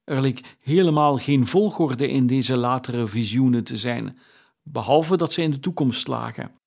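Slow, measured male storyteller. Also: mid-range voice, creaky, darkish tone. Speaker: narrator. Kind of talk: audiobook reading of a classic story.

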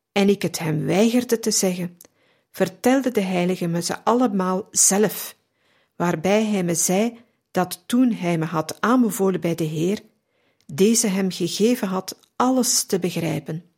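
Slow, husky woman reading devotionally. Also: lowish voice. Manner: calm, measured, reverent. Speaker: radio reader of a saint's biography.

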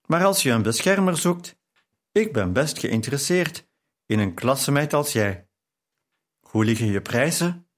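A man's voice: mid-range voice, expressive, a little slow, natural voice. A man voicing a brash, gossipy shopkeeper who chats and flirts forwardly in an audiobook. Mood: leering. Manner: chatty, leering.

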